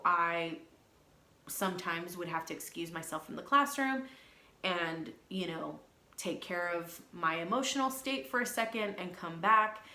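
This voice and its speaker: A woman's voice: medium pitch, bright, forceful tone, echoey room. A young woman, a hairstylist, talking frankly and emotionally about her past failures in a candid vlog. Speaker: beauty vlogger and hairstylist.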